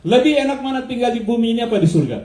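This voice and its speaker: A male pastor preaches with a high, warm voice that leaps up and down with energy. He keeps quizzing his listeners, laughs often, and slips English words into his speech. The sound carries a roomy echo. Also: racing. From United States. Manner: lively, questions the congregation, laughs often. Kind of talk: sermon.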